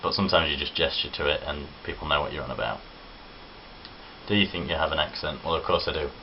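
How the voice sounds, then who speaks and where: Talking fast in a very low voice, a young vlogger with a Nottinghamshire Midlands accent rambles casually and pokes fun at himself. He's from Nottinghamshire, England, films on a tripod-mounted camera, and the dull lo-fi audio carries a faint hiss.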